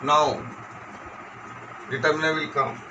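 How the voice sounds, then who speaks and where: Guy teaching grammar, kinda high voice, quizzes then answers himself, bit of noise behind. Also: fairly even intonation, highs cut off. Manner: slow, questioning, answers his own questions. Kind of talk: recorded grammar lesson.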